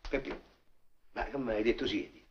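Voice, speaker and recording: An actor playing a lazy barbershop customer who teases and chats idly. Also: male voice, mid-range voice, steady tone, normal speed, lightly acted. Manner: teasing, idle chatter. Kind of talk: old film comedy acting. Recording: dull old film soundtrack with faint hiss.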